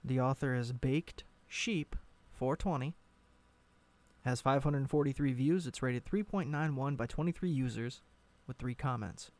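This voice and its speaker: A man's voice: medium pitch, measured pace, darkish tone. A man hosting a horror story podcast, delivering scripted introductions and narration. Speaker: podcast host.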